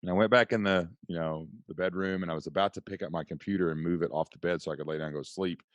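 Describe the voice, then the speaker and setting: Very deep-voiced excitable storyteller man. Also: rapid-fire, no room sound. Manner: excitable, folksy, says "man" and "dude". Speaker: podcast guest, online entrepreneur. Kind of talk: animated storytelling.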